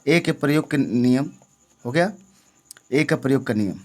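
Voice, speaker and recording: A man's voice: mid-range voice, lively intonation, unhurried, darkish tone. A man teaching an English grammar lesson, often asking the viewer questions and checking that they understand. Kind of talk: classroom-style lesson.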